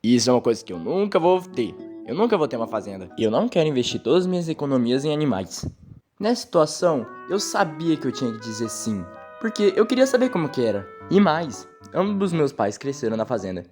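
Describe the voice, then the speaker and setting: Fast-talking Brazilian man dubbing a storytime. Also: mid-range voice. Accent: Brazilian Portuguese. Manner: quick, animated first-person storytelling. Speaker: fan dubber narrating a storytime. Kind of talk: dubbed storytime narration. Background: faint background music.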